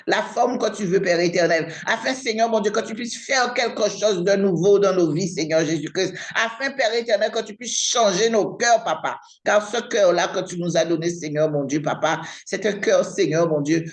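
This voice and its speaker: A woman's voice: mid-range voice, moderate pace, hardly any pauses. A woman praying aloud fervently, repeating "Seigneur, mon Dieu" and "Papa" between every phrase. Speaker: prayer partner. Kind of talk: spoken prayer.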